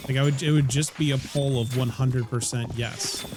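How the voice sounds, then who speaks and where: A man's voice: medium pitch, fairly even intonation, moderate pace, noisy background. A man casually chatting with his chat while streaming a game, laughing often and trailing off into restarts.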